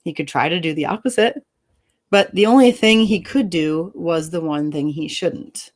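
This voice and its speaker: An author reading her story with expression, then chatting cheerfully and laughing easily. Her voice sits a little low for a woman. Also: normal speed. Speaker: author and co-host. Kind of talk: dramatic story reading and casual chat.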